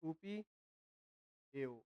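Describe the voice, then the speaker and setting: A slightly high, expressive male voice speaks very slowly in a dry, lo-fi recording. He's a chemistry teacher with a Hindi accent lecturing at the board, coughing with a dry throat. He checks in with students often, repeating points, asking questions he answers himself, and frequently saying "ठीक है ना".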